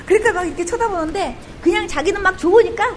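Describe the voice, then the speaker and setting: A woman pastor giving an animated testimony sermon, telling a story with fervor and breaking into bits of hymns. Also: very high voice, fast talker, a little hiss or hum. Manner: animated storytelling, sings hymn snippets, fervent.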